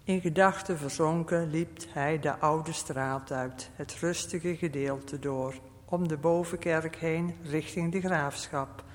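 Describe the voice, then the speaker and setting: A narrator reading a story aloud in a calm, steady manner. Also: medium pitch, slow. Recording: long reverb.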